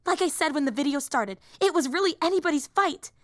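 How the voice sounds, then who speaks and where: A woman with a high-sitting, bright voice and lively intonation talks a little fast, voicing a young, nerdy female hero fan and teacher in an audio roleplay. The character is eager, earnest, rambling and easily flustered. The recording is dry, with clean studio sound.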